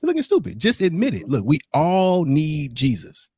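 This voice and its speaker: A man co-hosting a podcast in a studio, talking in a playful, lively way that turns into preaching about the Bible. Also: on the high side, normal speed, over a noisy crowd. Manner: playful and animated, drifting into preachy Bible talk. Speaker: podcast co-host. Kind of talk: casual chat.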